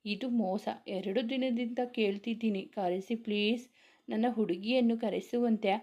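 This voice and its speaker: A woman's voice: fairly high pitch, fairly even intonation, measured pace, warm tone. A woman voicing a young man who begs his sister-in-law like a child, in a whiny way. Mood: pleading. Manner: whiny begging.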